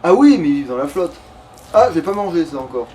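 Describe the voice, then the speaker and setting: This let's play gamer has a higher, sing-song voice that's a little mellow, and he talks fast. Chatting with a friend, he offers casual, sweary commentary, rambling and repeating himself, picked up on a distant mic with faint noise.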